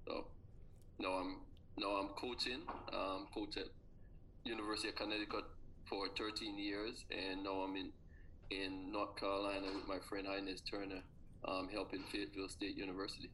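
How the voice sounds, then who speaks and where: A Jamaican man in his forties, a former athlete now coaching track, tells earnest personal stories in an interview with a reflective storyteller's manner. His deep voice stays level at a normal speed, sounding pushed and bright. The recording is rough, with slight background noise.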